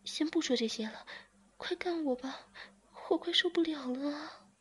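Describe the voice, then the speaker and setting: A woman's voice: high-pitched, normal speed, pitched above the performer's own voice, lightly acted. Woman whispering as a pleading young lover. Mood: breathless pleading.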